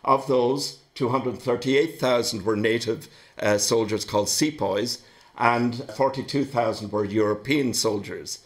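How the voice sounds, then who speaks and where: A man giving a history lecture, measured and steady, with frequent hesitations and restarts. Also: mid-range voice.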